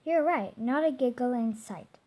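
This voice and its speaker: A woman reading aloud the lines of a brisk, matter-of-fact doctor in a children's storybook, giving clipped orders. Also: on the high side, dark tone, lightly acted.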